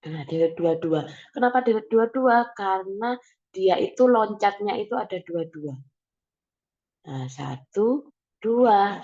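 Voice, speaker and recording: A woman's voice: medium pitch, dark tone, highs cut off. A young woman tutoring math over a video call, explaining patiently step by step with many "nah" and "oke". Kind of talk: online math tutoring session.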